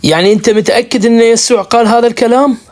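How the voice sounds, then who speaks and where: A man speaks at a rapid clip as a caller in a religious debate. He is insistent and keeps pressing for room to explain his side. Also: extremely high pitch, fairly even intonation, darkish tone. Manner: insistent, pleading for a chance to answer.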